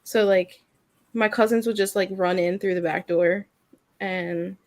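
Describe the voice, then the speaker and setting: A woman's voice: mid-range voice, fairly even intonation, measured pace, no room sound. Rambling woman saying "like" a lot. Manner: rambling, heavy use of "like". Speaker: podcast co-host. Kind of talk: casual chat.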